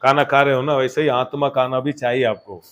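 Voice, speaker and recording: A pastor giving a sermon in a church, mixing in English words and moving between loud exhortation and quiet asides. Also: male voice, medium pitch, flat delivery, brisk.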